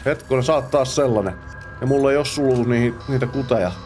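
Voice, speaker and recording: Faint music plays behind this man's mid-range, darkish voice. Hosting a let's play, he talks to himself in a chatty way while gaming, muttering along and slipping in English curses and exclamations.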